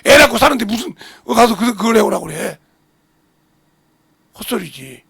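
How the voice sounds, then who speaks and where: Gravelly high-voiced impassioned male preacher. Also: animated, fast, no echo, studio quality. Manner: impassioned, swings from shouting to low mutters; rhetorical questions to the congregation. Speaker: pastor. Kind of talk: sermon.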